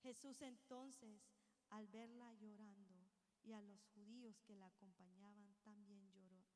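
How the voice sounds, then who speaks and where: A woman's voice: mid-range voice, level tone, a little slow, darkish tone, long reverb tail. A woman preacher reading scripture and giving an earnest, reflective sermon to her congregation. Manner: reflective, earnest, addresses listeners as brothers and sisters.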